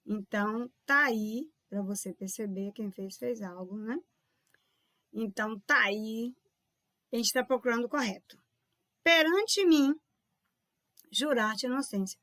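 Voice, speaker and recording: A woman's voice: medium pitch, unhurried, pushed and bright, dry recording, studio quality. A woman teacher with a Brazilian Portuguese accent explains grammar exam questions, often checking in with her viewers as she goes. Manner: explanatory, keeps checking in with "tá vendo?" and calls viewers "povo lindo". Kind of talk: online grammar lesson solving exam questions.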